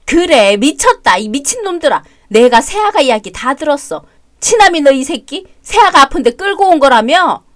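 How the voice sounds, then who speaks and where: A fiery older mother-in-law fusses and scolds at full tilt, played by a woman. The voice is high and carries a lot of force. It is recorded close and dry. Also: expressive, normal speed, dry recording. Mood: furious. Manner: scolding, fussing, loud. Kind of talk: audio drama story reading.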